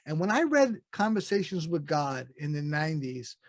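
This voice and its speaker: A man's voice: a little high, sing-song, moderate pace, dry recording. A man hosting a podcast, talking candidly in a casual interview over a video call. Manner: candid, laughs while telling stories. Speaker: podcast host.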